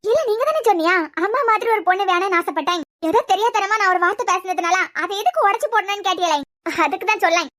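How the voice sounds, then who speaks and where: A woman's voice: extremely high pitch, quick pace, hardly any pauses, fairly bright tone. A woman voicing a proud young wife in a cartoon series who fiercely defends her family, lecturing and defiant, with a Kanyakumari Tamil accent. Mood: reproachful. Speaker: cartoon character. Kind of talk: cartoon web series dialogue.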